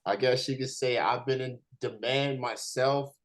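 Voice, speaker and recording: Halting American male interviewer, medium-pitched. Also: fairly even intonation. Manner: halting, repeats words. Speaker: interviewer, host. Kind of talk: casual interview chat.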